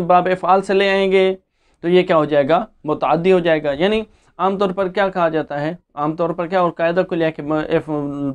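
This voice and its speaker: High-voiced man teaching grammar. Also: clean tone. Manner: reads rules aloud then explains, chants word forms in lists; asks the class questions then answers them himself. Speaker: religious seminary teacher. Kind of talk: classroom grammar lesson.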